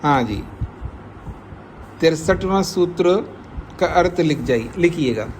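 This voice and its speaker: A man with a fairly high voice gives a slow, patient scripture lesson. He restates each point several times and pauses so students can write. A faint hiss sits under the recording. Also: lively intonation. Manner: slow, explanatory, repeats phrases for dictation. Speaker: Vedic philosophy teacher. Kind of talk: classroom lecture on scripture.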